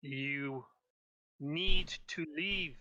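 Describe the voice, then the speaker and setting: A man's voice: on the high side, drawn-out words, bright, forceful tone, heavily acted, poor audio. A man voicing a threatening unseen dweller in the darkness, terse and menacing, in a tabletop game.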